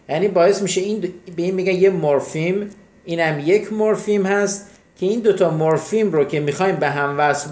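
A man's voice: fairly high pitch, reverberant. A man teaching English vocabulary, explaining each word step by step and asking questions that he then answers himself. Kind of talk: vocabulary lesson.

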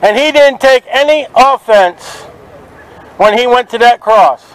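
A man preaching outdoors at a market, forceful and confrontational, quoting scripture to passers-by. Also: extremely high pitch, lively intonation, unhurried, low-quality recording. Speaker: street preacher. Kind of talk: open-air street preaching. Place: outdoors at a city market by traffic.

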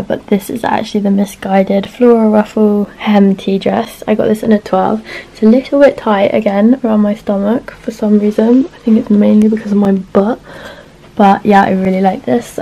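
A young British woman talks casually to her camera at home, rambling and poking fun at herself. Her voice is warm and mellow with a lot of vocal fry. She keeps filling pauses with "um" and "but yeah". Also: medium pitch, rough recording. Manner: chatty, self-mocking, trails off with "um" and "but yeah". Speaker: vlogger showing a clothing haul. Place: at home trying on clothes in front of a mirror.

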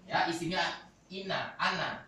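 A man's voice: a little high, a little slow, bright, forceful tone. A male Quran teacher giving a classroom lecture, explaining step by step and asking the class questions. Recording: echoey hall, voice from far off.

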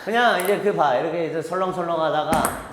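In a large indoor table tennis hall, a man with a high-ish, brisk voice coaches hands-on, talking animatedly and chuckling as he demonstrates strokes. The hall is echoey and noisy, with ball clicks behind him.

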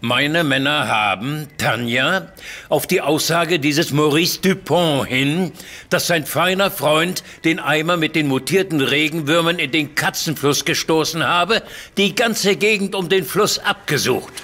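An actor playing a blustering, suspicious army general who accuses others loudly, in a radio play. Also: male voice, a little high, measured pace, heavily acted.

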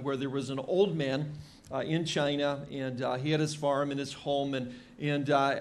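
Pastor, man in his 50s, mid-pitched, easygoing sermon delivery full of fillers, lectern mic in a church. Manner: conversational, many fillers and restarts. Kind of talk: expository sermon. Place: church stage with drum kit behind.

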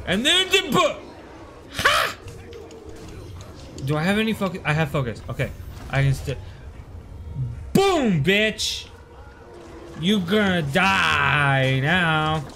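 A young man playing a video game while drunk, swearing, yelling at enemies and chatting with a friend. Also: on the high side, slight background noise. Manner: loud, profane outbursts at the game. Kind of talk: casual gaming banter.

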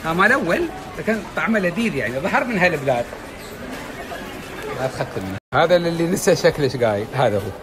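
A man's voice: on the high side, lively intonation, quick pace, a crowd in the background, background noise. A middle-aged man with a Gulf Arabic accent, chatting and teasing as a travel vlogger. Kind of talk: casual vlog narration.

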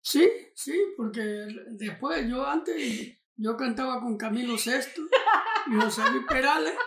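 An older man from Honduras, a podcast guest talking casually in a halting way with many fillers and restarts. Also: very high-pitched, gravelly, a bit bright, roomy sound. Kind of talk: casual interview conversation.

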